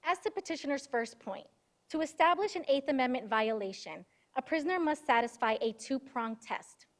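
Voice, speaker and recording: A woman's voice: sits high, expressive, normal speed. A young woman law student delivering a formal, rehearsed oral argument as counsel in a moot court. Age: young adult.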